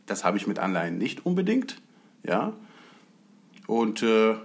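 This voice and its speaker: A man's voice: fairly low pitch, huge pitch swings, measured pace. A man raised in the USA, a guest explaining his views in an earnest, conversational way. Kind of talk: conversational talk.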